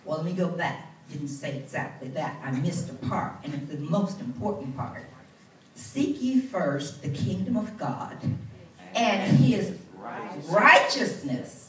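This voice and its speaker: An older woman minister gives a heartfelt testimony from a church pulpit, holding a handheld mic, earnest and rising into fervent bursts. Her voice is on the low side, a bit bright and expressive, at a measured pace. A far camera captures roomy church sound from a distance.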